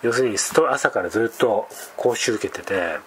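A man's voice: lowish voice, moderate pace, slight background noise. A man telling a scary story in a casual, rambling way, with conversational asides. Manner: rambling, many fillers and restarts, conversational asides.

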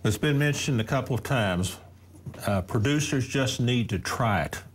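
A man's voice: mid-range voice, lively intonation, moderate pace, slight background noise. A man in his sixties with an American accent, speaking as an expert panelist in a studio. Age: 60s. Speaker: crop adviser.

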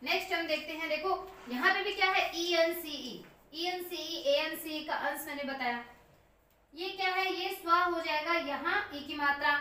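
High bright teacher in an echoey room. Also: female voice. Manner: slow, repeats words aloud syllable by syllable while writing. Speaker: English teacher. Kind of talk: Hindi-language lesson on English phonetics. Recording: echoey room heard from a distance.

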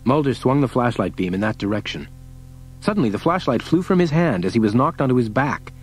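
A man narrating an audiobook in a steady, measured reading. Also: medium pitch, soft background music, low-quality recording. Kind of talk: scripted narration.

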